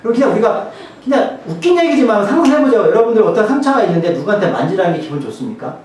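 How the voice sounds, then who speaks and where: A man's voice: sits high, sing-song, racing, a little mellow, a little hiss or hum. A male pastor preaching a sermon in a church. He talks casually, makes jokes, and keeps asking the congregation questions. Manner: joking, conversational, many rhetorical questions. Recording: very echoey hall, mic far off.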